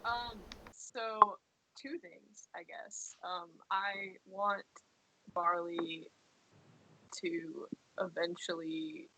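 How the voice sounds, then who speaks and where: A woman talking casually about her tabletop character, soft-spoken and trailing off with fillers. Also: fairly low pitch, fairly even intonation, very slow, background noise. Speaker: tabletop player.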